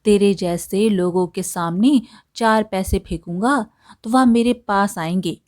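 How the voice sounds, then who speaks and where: A woman's voice: medium pitch, measured pace, darkish tone, dry recording, clean studio sound, lightly acted. A woman voicing an arrogant middle-aged male landlord who scolds with contempt, in a storybook tale. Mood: angry.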